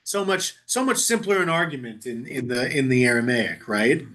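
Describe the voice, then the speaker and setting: A man's voice: medium pitch, lively intonation, moderate pace, fairly bright tone. A man leading a synagogue Talmud study group in a chatty, informal teaching style, often amused by the text and stumbling over Aramaic words.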